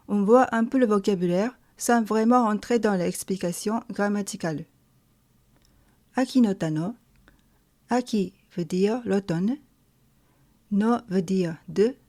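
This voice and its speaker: Slow, mellow-voiced woman teaching. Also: mid-range voice. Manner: calm, careful, step-by-step explaining. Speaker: language teacher. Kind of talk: slow explanatory lesson narration.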